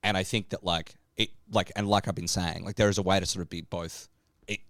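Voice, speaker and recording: A man co-hosting a podcast, talking in an animated, rambling way full of restarts. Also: low-pitched, fairly quick, no room sound, studio quality. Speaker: podcast co-host. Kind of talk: casual discussion.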